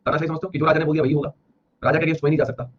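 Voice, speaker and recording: A man teaching history in a classroom lecture, explaining rapidly and repeating himself, with an Indian accent. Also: a little high, flat delivery, slightly rough. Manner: rapid, repetitive explaining, slowing to read English lines aloud. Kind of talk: classroom lecture mixing Hindi and English. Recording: dull lo-fi classroom recording with faint ambience.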